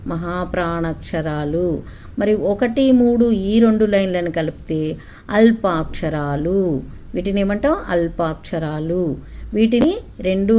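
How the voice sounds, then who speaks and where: A woman teaching children the alphabet, saying each letter slowly and asking them to repeat it back. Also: lowish voice, dark tone, slight background noise. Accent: Telugu. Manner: slow, syllable-by-syllable call-and-response.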